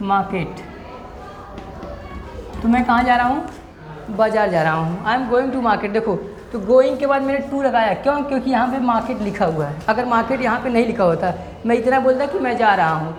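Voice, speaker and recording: A man's voice: very high voice, slight background noise. A male English teacher giving a grammar lesson. He keeps asking the class a question and then answers it himself, calling his students "beta". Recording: echoey room.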